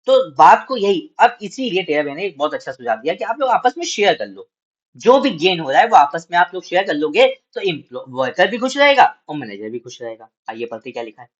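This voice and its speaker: A male commerce teacher with an Indian accent gives a class lecture. His voice sits a little high, and he reads each English line slowly before explaining it in Hindi and checking that students follow. The audio is a little dull and lo-fi. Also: big pitch swings. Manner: checks in with students with rhetorical questions. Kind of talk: Hinglish class lecture reading from a textbook.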